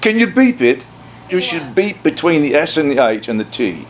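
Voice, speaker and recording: A man's voice: a little high, very animated, normal speed, heavy background noise. A man, a studio producer, chatting casually with dry, rambling jokes. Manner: dry, joking, rambling asides. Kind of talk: casual interview chat.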